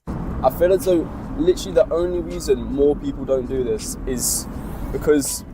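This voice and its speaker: A man speaking calmly and in a measured way, reflecting on risk and persistence. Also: fairly high pitch, noisy background. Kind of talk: reflective motivational talk.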